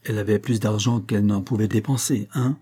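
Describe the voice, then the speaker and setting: A man's voice: lowish voice, steady tone, brisk, warm tone, husky. A man murmuring as a sly servile simpleton. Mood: insinuating. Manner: murmuring, insinuating, slyly servile. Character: sly, servile male village simpleton, muttering informer.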